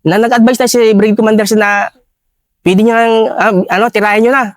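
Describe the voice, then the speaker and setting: A man telling a war story in an interview, deferential, adding sir to almost every phrase, halting with fillers. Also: high-pitched, fairly even intonation, no echo, studio quality. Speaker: retired soldier interviewee.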